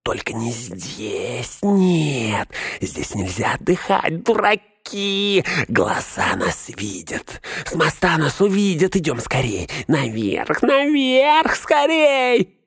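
A cowering, hissing creature from an audiobook, breathy and raspy, swooping wildly up and down in pitch. The recording is dry and close. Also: male voice, huge pitch swings, slow pace, no room sound, full character voice. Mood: frightened, urgent. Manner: hissing urgent whisper, leaping high. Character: sly frightened hissing creature, small and twisted.

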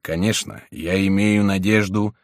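A man voicing a frightened captive man who pleads slowly in a plaintive voice. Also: sits low, steady tone, no echo, studio quality. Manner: pleading, slow and whining. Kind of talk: audiobook character voice.

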